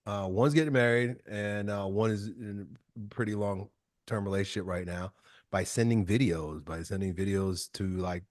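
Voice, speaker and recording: A middle-aged man talking as a podcast guest, blunt and animated, with loose, casual swearing. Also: on the low side, moderate pace, no room sound, studio quality. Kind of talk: casual interview chat.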